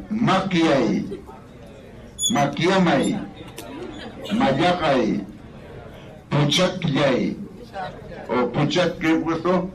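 Slow-paced Peruvian teacher, echoey room. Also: male voice, medium pitch. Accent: Peruvian Spanish. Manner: slow, drawn out and repetitive, reading word lists aloud. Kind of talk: classroom vocabulary lesson. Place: classroom. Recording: echoey room, far from the mic, noisy.

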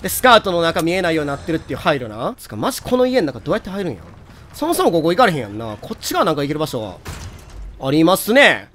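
A young man with a Kansai accent giving excitable, joking commentary on a game he is playing, with loud outbursts. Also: fairly high pitch, quick pace, a little hiss or hum. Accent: Kansai Japanese. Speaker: gameplay commentator.

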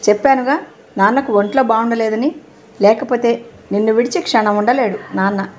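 A woman voicing a worried older grandmother who softly coaxes and pleads with a child. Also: fairly high pitch, steady tone, brisk, lo-fi sound, a little hiss or hum, lightly acted. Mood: coaxing. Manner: soft coaxing pleading.

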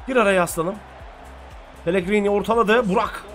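Excitable man calling a football match. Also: sits high, a little fast, soft background music. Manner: shouts encouragement at his players, calls play-by-play. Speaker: gaming streamer. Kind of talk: excited football game commentary.

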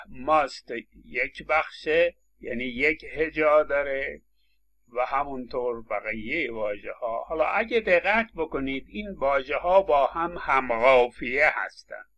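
Male lecturer, bright tone, Persian accent, stop-start delivery. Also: medium pitch. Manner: hesitant, with many drawn-out fillers and pauses. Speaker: linguistics lecturer. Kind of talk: recorded lecture.

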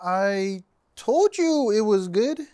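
Lively young man gushing about food. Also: high-pitched, slow pace, smooth. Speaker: sketch comedy actor. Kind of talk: comedic sketch explaining a dish.

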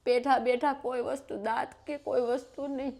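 A woman pleads for help in an interview, high-pitched and tearful at times. Her voice stays on a narrow, flat line of pitch. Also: normal speed, creaky. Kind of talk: emotional plea in an interview.

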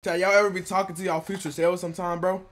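A young man streaming from his bedroom, reacting to a video and joking loudly with his chat. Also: sits high, flat delivery, fast. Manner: loud, joking, talks to chat. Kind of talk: casual live-stream commentary. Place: small bedroom at home.

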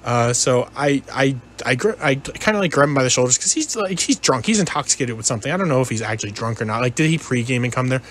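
A man's voice: medium pitch, animated, fast talker, hardly any pauses, fairly bright tone, slight background noise. Rambling, hesitant man telling a casual story. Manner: hesitant, repetitive, conversational, quotes dialogue. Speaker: gaming video narrator telling a personal story.

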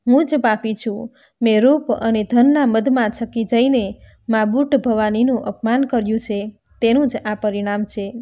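A woman's voice: fairly high pitch, a little slow, dark tone, natural voice. A woman voicing a grieving, remorseful young queen in a storybook tale, read in a plain voice.

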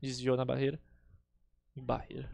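A man's voice: medium pitch, monotone, moderate pace, gravelly, noisy background. A man with a Brazilian accent calling a football match live in an informal, colloquial way. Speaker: football play-by-play commentator.

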